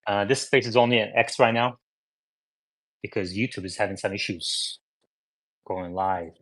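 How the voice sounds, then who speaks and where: A man's voice: fairly low pitch, normal speed, fairly bright tone, no room sound, low-quality recording. A man hosting a casual live audio discussion, reading news articles aloud with offhand comments and fillers. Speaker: host of a live audio space.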